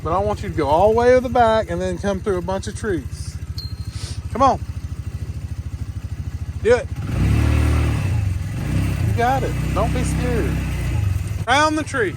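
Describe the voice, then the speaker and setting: A woman's voice: mid-range voice, lively intonation, measured pace, long pauses. A woman with an American accent coaching a beginner driver in casual, blunt, repeated short commands. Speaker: driving instructor coaching a nervous beginner. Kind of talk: casual hands-on driving instruction. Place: outdoors in a moving small vehicle. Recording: loud outdoor engine and vehicle noise.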